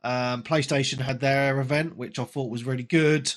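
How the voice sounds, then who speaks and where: A man in his late thirties with a cold hosts a laid-back gaming podcast at a moderate pace. His pitch is medium and his tone steady. He keeps the talk chatty and self-deprecating, filling it with ums.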